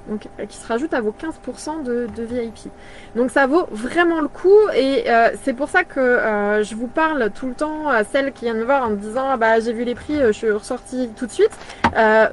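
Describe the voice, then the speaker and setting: Woman in her thirties, casual live chat, hesitant with lots of fillers, slightly high pitch, faint hum behind. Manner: hesitant, many fillers and restarts. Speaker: brand partner presenting products.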